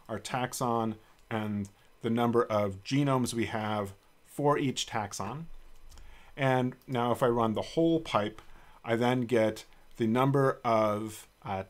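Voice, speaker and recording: A man giving a screencast coding tutorial, thinking aloud with frequent ums as he types code. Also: mid-range voice. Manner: relaxed, thinking aloud with many ums while typing code. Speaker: programming instructor.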